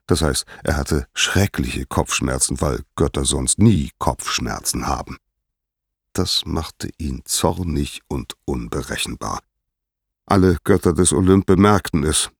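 Male storyteller, deep voice, husky, lively melody, dry close sound. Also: dry recording. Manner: expressive, measured storytelling. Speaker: narrator. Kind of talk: storytelling narration of a myth.

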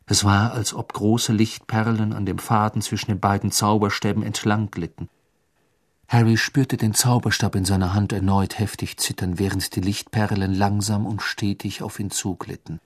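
Low-voiced man narrating a storybook. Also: normal speed, no echo, studio quality. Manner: expressive, dramatic reading. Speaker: audiobook narrator.

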